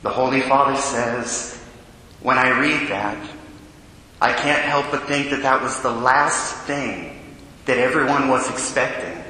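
An American man, a priest, reading the Gospel and preaching a homily in a solemn, measured way with deliberate pauses, his voice echoing like in a cathedral. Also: medium pitch, pushed and bright. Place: large reverberant church. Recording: echoing cathedral-like reverb, faint noise.

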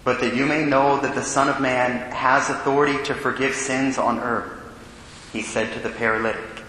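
A man serving as priest, reading the gospel and preaching in a large church with a cathedral echo, measured and solemn. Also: mid-range voice, little pitch movement, sharp tone. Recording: long echoey church reverb, faint hiss.

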